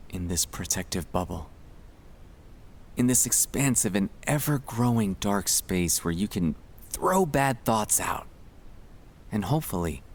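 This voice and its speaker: This is a scripted ASMR sleep relaxation, guided by a man whose voice sits on the lower side. He speaks softly and reassuringly to soothe the listener toward sleep.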